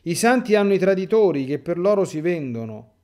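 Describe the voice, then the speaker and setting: A priest voicing a weeping, frightened young apostle. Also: male voice, high-pitched, very animated, a little fast, darkish tone, pitched above the performer's own voice. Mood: fearful, weeping. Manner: tearful, pleading, raised and urgent. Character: the apostle John, a young man weeping with fear and grief. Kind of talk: dramatic reading aloud.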